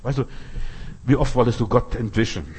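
Brief: male preacher, husky tone, lively sermon that speaks to the listener directly. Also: normal speed. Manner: addresses listener directly, vivid everyday images, lively shifts in pitch and loudness. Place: Berlin.

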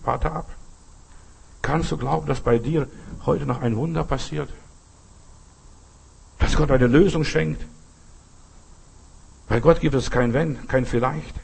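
A man preaching a devotional sermon, pleading with the listener through slow, repeated rhetorical questions. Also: mid-range voice, gravelly, a little mellow, breathy edge.

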